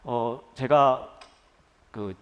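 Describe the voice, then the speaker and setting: A man's voice: mid-range voice, very slow, in a large hall, dull audio. A male pastor giving a conversational sermon to a congregation in a church, asking them questions.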